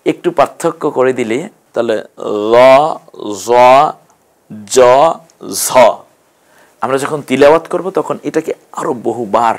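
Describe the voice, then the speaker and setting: Man teaching Quran letter sounds. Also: mid-range voice. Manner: slow, drawn-out letter sounds for learners to repeat. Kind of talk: online Quran pronunciation class.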